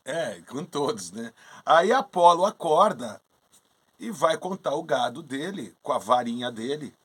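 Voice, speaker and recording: A man's voice: fairly high pitch, measured pace, slightly rough. A man in casual conversation retelling an old myth, acting out the characters' lines as he goes. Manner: animated, acts out characters' lines in the story. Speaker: astrologer co-host. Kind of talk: casual storytelling chat.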